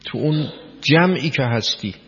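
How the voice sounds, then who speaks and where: A man's voice: medium pitch, lively intonation, a bit bright. A man giving a spoken lecture, explaining step by step, repeating key words and putting questions to his listeners. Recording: long hall reverb, dull lo-fi sound.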